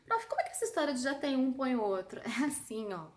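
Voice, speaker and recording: A woman with a Brazilian Portuguese accent teaching an online spelling lesson, lively and chatty, calling her students "amor". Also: high-pitched, fast, echoey room.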